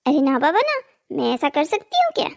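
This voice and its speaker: A woman's voice: high-pitched, huge pitch swings, fairly quick, vocal fry, full character voice. A woman voicing a wealthy, condescending village wife in a cartoon drama. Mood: teasing. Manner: teasing, condescending.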